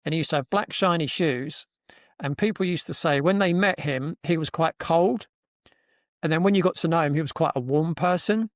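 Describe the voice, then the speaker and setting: Man, podcast host, fairly high voice, dry close sound, storytelling, acts out quotes. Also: moderate pace, no room sound. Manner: animated, acts out quoted dialogue, frequent restarts. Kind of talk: casual conversational storytelling.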